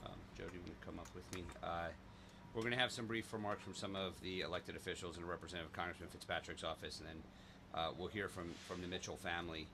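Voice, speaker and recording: A man speaking at a podium microphone as emcee of a formal dedication ceremony, halting, with many fillers and restarts. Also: sits low. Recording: noisy outdoor ambience.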